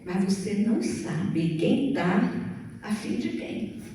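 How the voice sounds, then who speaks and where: A woman's voice: mid-range voice, expressive, slow pace, warm tone, a little hiss or hum. A middle-aged Brazilian woman preaching to teenagers in a church, chatty and playful, acting out little stories. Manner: playful, chatty, acts out quotes. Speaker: youth service speaker. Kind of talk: sermon to teenagers. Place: church hall. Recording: echoey hall from far off.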